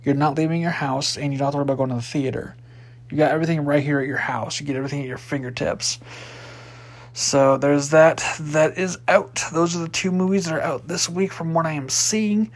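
A man's voice: a little high, fairly even intonation, brisk. A man hosting a casual solo podcast, chatty and rambling as he runs through new movie releases. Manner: chatty, rambling, with fillers and restarts. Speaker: podcast host.

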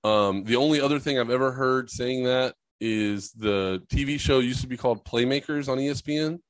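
A man co-hosting a casual sports podcast, trading crude jokes with his friend. He laughs often and swears freely in a loose, offhand way. His pitch sits in the middle range for a man. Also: moderate pace, dry recording. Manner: joking, laughs often, profane. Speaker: podcast co-host.

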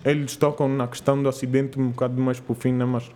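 A man's voice: mid-range voice, little pitch movement, fast talker, dark tone. A young man co-hosting a podcast in casual, slangy conversation with friends. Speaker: podcast co-host.

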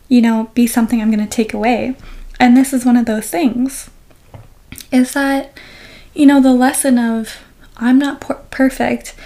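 A young woman hosting a podcast, talking openly and reflectively about her own experience, with soft laughs and restarts. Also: on the high side. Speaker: podcast host. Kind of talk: candid personal podcast talk.

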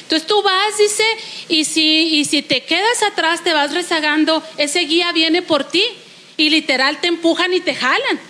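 A woman pastor, giving an animated sermon that acts out the voices in her stories. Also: very high-pitched, normal speed.

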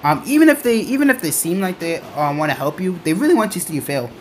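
A young adult rambling through a casual podcast-style rant in a halting, repetitive, emphatic way. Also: mid-range voice, big pitch swings. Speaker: podcaster, online content creator. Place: on board a train. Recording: noisy train ambience behind the voice. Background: train noise.

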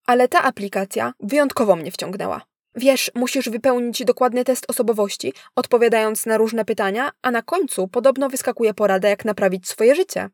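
A woman's voice: on the high side, fairly quick, no room sound, studio quality. A woman reading as a chatty father hooked on his phone. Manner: eager, talkative. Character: chatty middle-aged father, phone-addicted.

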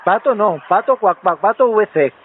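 A man's voice: sits high, lively intonation, normal speed. A man playing a pompous self-proclaimed doctor on the phone. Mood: indignant. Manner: theatrical, bursts into Italian crooning. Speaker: prank caller. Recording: tinny phone line with faint hiss.

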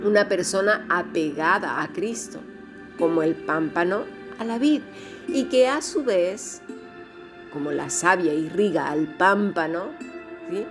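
Woman Bible teacher, explanatory and questioning, low-ish voice; music bed clearly audible. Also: lively intonation, a little slow. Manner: explanatory, asks rhetorical questions. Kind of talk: online Bible class.

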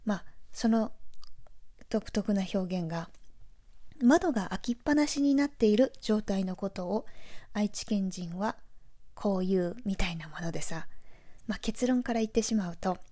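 A woman from Aichi with a Nagoya accent, hosting a podcast in a chatty, relaxed monologue with friendly asides. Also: medium pitch, normal speed. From Aichi, Japan. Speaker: podcast host.

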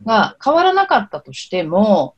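A woman interpreter speaking as a podcast guest in a relaxed, thoughtful way, often pausing on soft fillers. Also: mid-range voice, husky, lo-fi sound.

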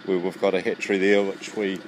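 Low-voiced New Zealand man, noisy outdoors. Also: little pitch movement, fairly quick. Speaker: fish hatchery worker. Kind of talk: informal outdoor interview. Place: outdoors by a lake. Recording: clear outdoor background noise.

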